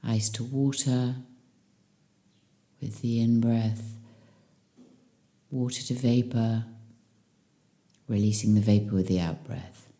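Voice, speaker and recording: A woman teaching a guided meditation speaks calmly and soothingly, leaving long pauses between phrases. She has a bass voice.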